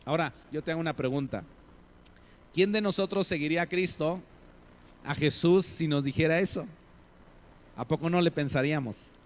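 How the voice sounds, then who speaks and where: A man's voice: on the high side, normal speed, long pauses. A Mexican man preaching a sermon in a conversational way, asking his listeners many rhetorical questions and acting out other people's voices.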